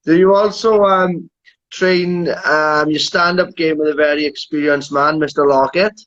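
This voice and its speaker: A man's voice: fairly high pitch, steady tone, unhurried, a bit bright. A man interviewing a guest casually, asking friendly questions and putting in short affirmations. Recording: dull lo-fi audio.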